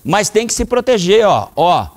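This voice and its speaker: Lively male karate teacher coaching kids. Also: high-pitched, moderate pace. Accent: Brazilian Portuguese. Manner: lively, coaching commands to children. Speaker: karate instructor. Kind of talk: teaching a children's karate class. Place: training hall, indoors.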